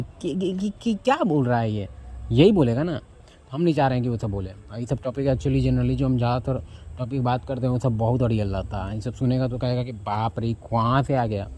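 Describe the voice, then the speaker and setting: A man's voice: medium pitch, dark tone. A man giving blunt, rambling casual advice from a rooftop outdoors, often losing track of his topic. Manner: rambling, loses track and asks himself what the topic was; blunt, addresses listener with informal tu. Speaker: self-help vlogger.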